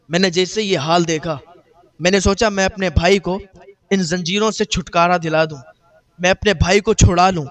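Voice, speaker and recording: A man's voice: high voice, a bit bright. A man preaching voices a grief-stricken man who mourns his brother and tells the tale in a lamenting, pleading way.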